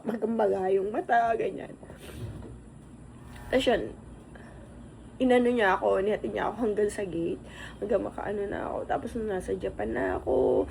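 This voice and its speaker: A middle-aged woman tells a personal story, halting and near tears, full of fillers and restarts. Her fairly high voice has a gravelly edge. A faint hiss of background noise sits under the recording. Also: warm tone. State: tearful. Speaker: vlogger telling a personal story.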